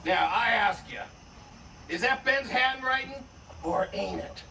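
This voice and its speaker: A man playing a smug, toothless old Western troublemaker with a creaky voice in a radio drama. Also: very high-pitched, huge pitch swings, measured pace, bright, forceful tone, exaggerated voice. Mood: smug taunting. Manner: taunting, smug. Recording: echoey room, distant mic, noise.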